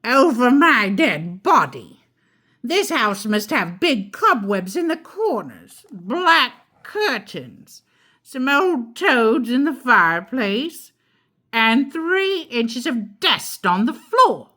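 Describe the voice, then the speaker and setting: A mother putting on a screechy, croaking old witch. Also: a little high, very animated, slow, sharp tone, pitched above the performer's own voice, exaggerated voice. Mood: indignant. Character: cranky old witch woman, shouting and grumbling.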